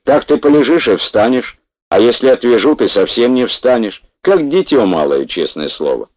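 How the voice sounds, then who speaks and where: A man voicing a calm, matter-of-fact male hospital patient, read in an audiobook. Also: mid-range voice, moderate pace, pitched above the performer's own voice, low-quality recording.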